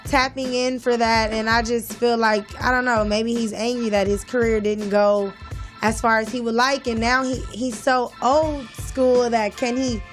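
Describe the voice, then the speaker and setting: Skeptical woman co-host, higher voice. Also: level tone, measured pace, faint music behind. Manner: skeptical, laughs easily. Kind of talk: casual hip hop talk show banter.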